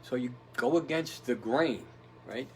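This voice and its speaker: A man's voice: mid-range voice, measured pace, a little hiss or hum, rough recording. A man giving a casual motivational talk, rambling and tough-talking, often checking in with "right?". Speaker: motivational speaker.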